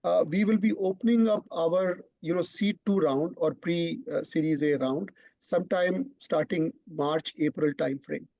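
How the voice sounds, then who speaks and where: A startup CEO answers in an online business Q&A, explaining his company's plans and often repeating words as he thinks. His voice is on the high side, gravelly and a little mellow, at normal speed, heard over a video call with dull lo-fi audio and no echo.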